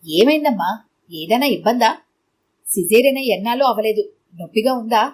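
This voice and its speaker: A woman's voice: fairly high pitch, lively intonation, normal speed, husky. A woman doing a fussing loving mother. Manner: fond, anxious. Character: caring middle-aged mother, fussing.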